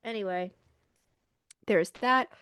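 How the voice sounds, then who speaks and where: A woman's voice: medium pitch, takes it slowly, a bit bright, clean tone, no room sound, clean studio sound. A woman co-hosting a podcast in casual chat, rambling with many fillers. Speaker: podcast co-host.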